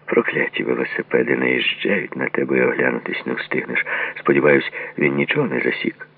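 Man playing a gruff wary gamekeeper, clipped short answers, super deep gravelly voice, phone-line tinny. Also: fairly even intonation, a little fast, heavily acted. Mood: curt. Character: curt, guarded gamekeeper man, terse and wary.

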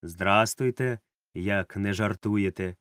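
A man voicing a kindly old village grandfather who speaks calmly and reassuringly. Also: fairly low pitch, clean tone, no room sound, clean studio sound, pitched below the performer's own voice. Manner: calm, reassuring, unhurried.

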